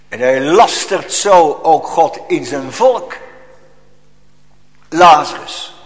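A man preaching a sermon to a congregation, slow and solemn, rising to emphatic outbursts, recorded in a church. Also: fairly high pitch, a little mellow, roomy sound, in a large hall, low-quality recording.

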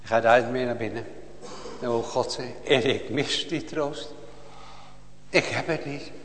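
A man preaching a sermon to his congregation, swinging between loud outcries and hushed, pleading passages. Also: mid-range voice, slow pace, a little hiss or hum. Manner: addresses the congregation with repeated "O gemeente". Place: church. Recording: long church reverb.

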